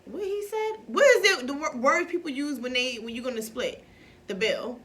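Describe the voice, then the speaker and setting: A young woman hosting a casual podcast chat, blunt and profane, telling animated stories. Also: high-pitched, normal speed. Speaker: podcast host.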